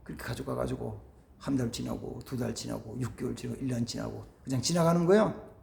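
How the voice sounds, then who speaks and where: A man preaching a sermon as pastor, animated, acting out family dialogues and dropping to near-whispers for emphasis. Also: mid-range voice, fast talker, creaky, echoey room. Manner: animated, acts out family dialogues in shifting voices. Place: church sanctuary.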